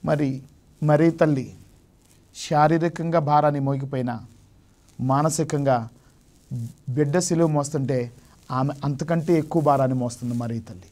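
High-voiced man preaching emphatically. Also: fairly even intonation, moderate pace, long pauses, a little mellow. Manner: emphatic preaching, rising sharply on key phrases. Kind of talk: Lenten sermon. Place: television studio.

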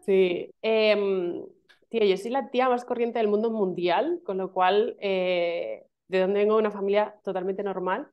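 A woman from Spain in her thirties, speaking with a Castilian Spanish accent as an interview guest over a video call. She talks in a chatty, animated way, full of fillers and quick asides. Her voice sits at an ordinary pitch, and the laptop audio comes through slightly dull and lo-fi. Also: clear, resonant tone. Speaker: guest, email marketing specialist. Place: small room at home. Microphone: laptop microphone on video call.

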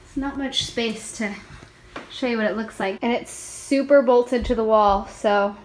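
Young mother vlogger, high voice, chatty questions to her toddler, casual home chat, faint background hiss. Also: unhurried. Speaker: mother and vlog host.

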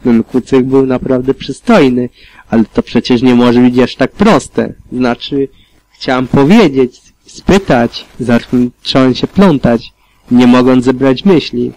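A man's voice: mid-range voice, slow, poor audio. Man reading a fan fiction audiobook. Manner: calm, steady reading with small slips. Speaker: audiobook reader.

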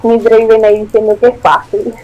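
Teasing woman, higher voice. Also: completely flat delivery, a little fast, darkish tone, highs cut off. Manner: short replies, teasing, laughs. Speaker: co-player. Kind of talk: casual chat while gaming.

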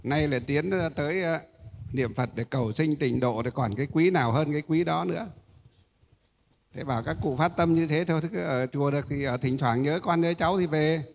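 A male Buddhist monk giving a sermon. He pauses often on drawn-out "uh" sounds and asks rhetorical questions that he then answers himself. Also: on the high side, gravelly. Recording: echoey hall.

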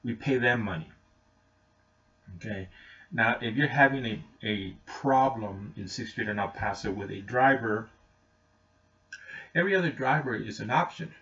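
Captured distantly on a muffled webcam microphone, a middle-aged cab driver describes his service informally and without frills. His mid-range voice is bright and forceful, at a normal speed with long pauses. He is an English speaker, and Spanish does not come naturally to him.

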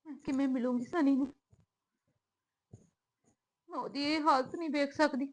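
A woman's voice: high-pitched, lively intonation, fairly quick, fairly bright tone, poor audio. A woman playing a young widowed daughter, crying as she pleads. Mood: anxious.

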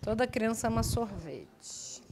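A woman's voice: fairly high pitch, measured pace, noisy background. Chatty woman teaching a class. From Brazil. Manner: chatty, explains with lively asides. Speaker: English teacher. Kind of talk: live online exam-prep class.

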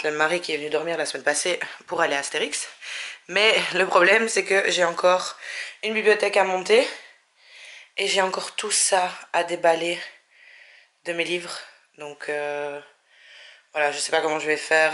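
Hesitant woman, bright voice. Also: low voice. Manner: hesitant, many fillers and restarts. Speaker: book vlogger. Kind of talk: casual vlog chat. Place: at home.

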